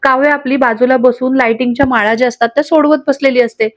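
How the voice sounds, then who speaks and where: Expressive woman storyteller, fairly high voice. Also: quick pace. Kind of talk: retelling a TV serial episode.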